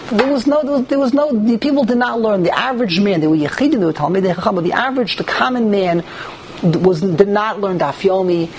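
A man's voice: high voice, a little fast, breathy edge. A man gives an informal religious lecture to a group, repeating phrases and asking rhetorical questions. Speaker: rabbi giving a religious class. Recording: noisy live room recording.

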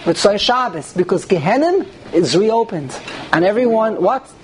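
With a high, lively voice at a moderate pace, a rabbi leads an informal religious lecture for a group. He repeats phrases and poses rhetorical questions, and the live room recording is noisy.

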